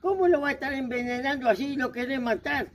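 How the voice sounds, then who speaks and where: Small, brave young toad, by a man; urgent and high, faint hiss underneath. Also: fast talker.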